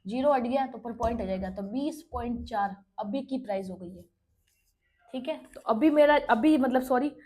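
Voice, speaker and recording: High-voiced woman teaching maths step by step. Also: a little mellow. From India. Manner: explains step by step, checking with "ठीक है"; reads English exam questions slowly. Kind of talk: exam-prep maths lesson.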